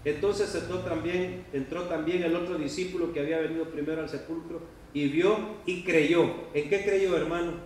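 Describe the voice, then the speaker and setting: A man's voice: a little high, steady tone, moderate pace, darkish tone. A man pastor giving a sermon in a church hall, emphatic and full of rhetorical questions to the congregation. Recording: very echoey hall, distant mic, faint noise.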